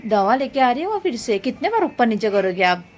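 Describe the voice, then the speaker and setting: A woman's voice: a little high, very animated, fairly quick, a little hiss or hum. A woman vlogger at home, talking in a coaxing, questioning way with her small child and then to her viewers. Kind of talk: casual home vlog. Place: home in an apartment building.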